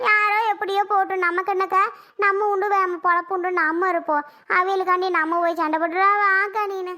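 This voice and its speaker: Woman doing a fake-crying sister-in-law, super high and bright, whiny pleading. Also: flat delivery, brisk. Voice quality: whiny, pleading, tearful wail.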